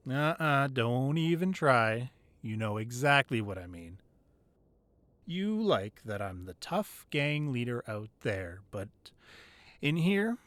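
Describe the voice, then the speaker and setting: In an intimate ASMR roleplay, a man plays a tough gang-leader boyfriend who teases tenderly, grumbling playfully and adding soft, hesitant asides. His voice sits in the mid-range, captured on a close microphone in a dry recording.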